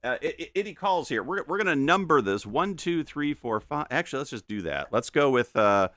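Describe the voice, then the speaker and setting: A man's voice: on the high side, very animated, brisk, fairly bright tone, no room sound. A middle-aged man chatting casually while painting on a live stream, rambling and restarting his sentences, at a desk microphone in a home studio. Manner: rambling and self-interrupting, with frequent stammered restarts and chuckles.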